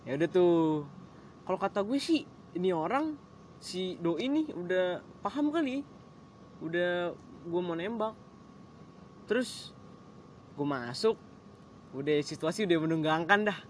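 A young man, casually telling a story and acting out his shouting friends. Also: sits high, animated, measured pace, long pauses, slight background noise. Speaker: guest storyteller. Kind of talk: casual chat.

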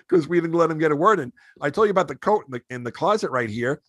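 A man who hosts a podcast, telling animated show-business anecdotes in a casual way. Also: on the high side, fast, dry recording. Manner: animated anecdotes, acts out quoted voices. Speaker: podcast host and actor. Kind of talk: casual storytelling.

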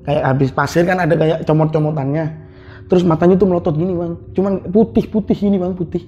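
A man who works as an online motorbike taxi driver, telling his experience in a casual, animated way, repeating himself and acting out sounds. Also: a little high, fast. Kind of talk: casual spoken storytelling. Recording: dull lo-fi sound with faint music.

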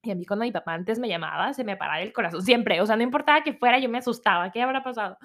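A woman's voice: on the high side, rapid-fire. A young woman with a Mexican accent, telling a personal story in casual, chatty storytelling. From Guadalajara, Mexico. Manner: chatty, animated, acts out quoted voices.

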